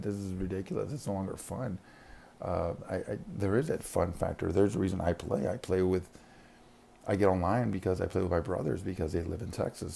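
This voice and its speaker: A man's voice: low-pitched, vocal fry, dark tone, a little hiss or hum. A man working as a school counselor, talking casually and rambling, with frequent restarts and short laughs. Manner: rambling, many restarts, laughs between points. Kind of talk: casual monologue.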